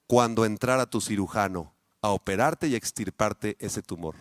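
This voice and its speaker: A man with a Mexican accent, a pastor delivering a sermon, speaking straight to his congregation with many rhetorical questions, his voice swinging between loud peaks and quiet, low asides. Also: normal speed, no echo. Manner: addresses the congregation directly with frequent rhetorical questions.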